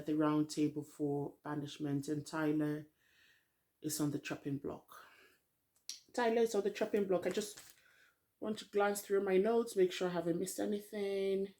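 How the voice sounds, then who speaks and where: A woman's voice: on the low side, moderate pace, dark tone. A middle-aged woman talks through a reality show in a loose, rambling vlog recap. She is candid and opinionated, and she sounds a little worn out. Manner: chatty, rambling, frank opinions. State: tired, hasn't eaten. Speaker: vlogger. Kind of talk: casual TV recap commentary.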